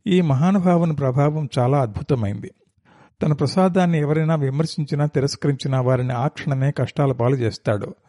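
A man voicing a calm kind old sage. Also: fairly high pitch, fairly quick, no room sound, studio quality, natural voice. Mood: instructive. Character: calm elderly male ascetic sage, gently kind.

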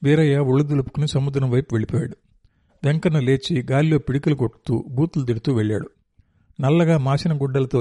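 A man reading a novel aloud as narrator, in a steady, descriptive storytelling manner. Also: medium pitch, no echo.

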